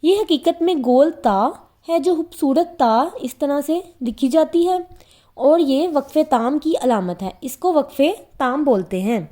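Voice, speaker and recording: A woman with a high voice and a Pakistani Urdu accent teaches a religious lesson on reading the Quran. She talks patiently and goes over each point again in simpler words, like a classroom teacher. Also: expressive, mellow.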